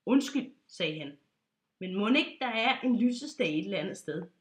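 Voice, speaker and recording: A woman voicing a meek, polite male teddy bear in a storybook read aloud, speaking a little lower and softer. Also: animated, close to an everyday voice. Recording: roomy echo.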